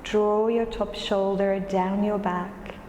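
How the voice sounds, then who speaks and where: A woman leads a yoga class with a soft-edged, mellow tone. She is calm and soothing, taking her time between instructions. The recording is echoey, with long reverb and faint noise behind her. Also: medium pitch, takes it slowly.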